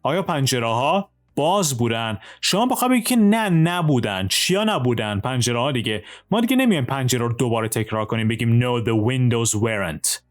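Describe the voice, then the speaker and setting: A man gives an English lesson with a lively, rising and falling voice at a middle pitch. He reads each English example slowly and carefully, then explains it. Faint music plays softly behind him. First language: Persian. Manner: drills single words twice each. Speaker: English teacher. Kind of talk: language lesson, explaining in Persian.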